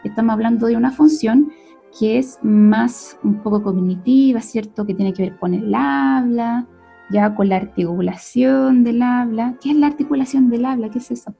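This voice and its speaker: A young Chilean woman teaches as a speech therapist, keeping the talk conversational and checking in with her listeners after each point. Her fairly high voice is gravelly and husky, with a mellow, dark colour. The recording is dull and lo-fi, and faint music plays behind her. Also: normal speed. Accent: Chilean Spanish. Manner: conversational, often tags sentences with a questioning "ya?" or "cierto?". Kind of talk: explanatory lesson.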